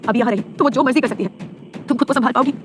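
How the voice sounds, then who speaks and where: Woman playing a young husband, protective, commanding, fast-paced, audio drama. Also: a little high, noisy background, close to an everyday voice. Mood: tender, sorry. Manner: blunt and commanding, turning soft and pleading.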